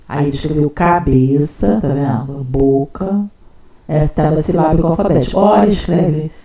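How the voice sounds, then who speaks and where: Woman teacher, mellow tone, chatty explainer who keeps checking in. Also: low voice. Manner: conversational, checks in with listener often. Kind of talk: casual explanatory talk.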